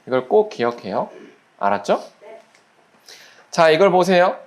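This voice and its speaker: Lively pastor quizzing children. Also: medium pitch, a little slow, slight background noise. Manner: asks children quiz questions, gentle and patient; acts out little quoted voices while storytelling. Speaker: pastor giving a children's sermon. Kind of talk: children's sermon. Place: church service.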